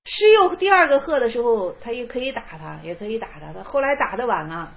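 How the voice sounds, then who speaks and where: A woman's voice: a little high, expressive, fast, gravelly, muffled recording. A woman giving an informal spoken lecture on Zen stories, repeating phrases for emphasis. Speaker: teacher explaining Zen koans.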